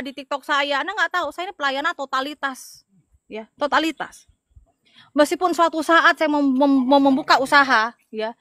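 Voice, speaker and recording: A woman's voice: high-pitched, bright, forceful tone, dry recording, studio quality. A middle-aged woman from Madura, Indonesia, an evangelist talking casually to her viewers, stressing and repeating her points. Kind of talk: casual livestream talk to viewers.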